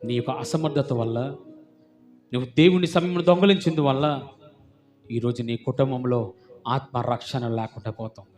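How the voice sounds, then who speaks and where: A man's voice: medium pitch, normal speed, pauses often, a little mellow, soft background music. A man preaching a sermon as pastor, fervent and emphatic, firing rhetorical questions at the congregation and repeating words for emphasis.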